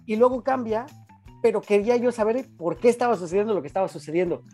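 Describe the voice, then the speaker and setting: A woman, co-hosting a casual film review chat and giving candid, expressive opinions. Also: mid-range voice, fast, soft background music. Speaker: film podcast co-host.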